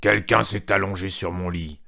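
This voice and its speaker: A man voicing a big angry papa bear in a storybook reading, crying out slowly and loudly. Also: level tone, creaky, heavily acted. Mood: outraged. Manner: slow booming outcry.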